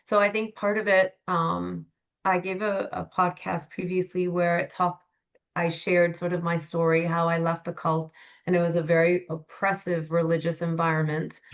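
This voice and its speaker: A woman's voice: fairly low pitch, little pitch movement, moderate pace. A woman from Canada, a life coach, speaking as a guest on an interview podcast in an earnest, reflective way with frequent fillers. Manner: reflective, earnest, many "you know" fillers.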